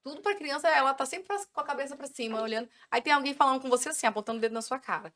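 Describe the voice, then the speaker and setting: A woman's voice: high-pitched, racing, fairly bright tone. A Brazilian woman in her thirties, a podcast guest explaining parenting in earnest with everyday examples. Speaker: journalist and parenting educator guest. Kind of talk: casual podcast conversation.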